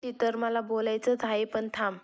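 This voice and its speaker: A woman's voice: on the high side, flat delivery, normal speed, a little mellow, close to an everyday voice. A woman reading a defiant wronged wife. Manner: defiant, accusing. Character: angry young wife confronting cheating husband.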